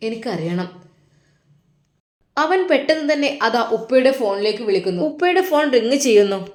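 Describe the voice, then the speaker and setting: A woman's voice: on the high side, animated, fast, a little mellow. A woman with a Malappuram Malayalam accent narrating a dramatic moral story in a storytelling manner. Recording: roomy echo.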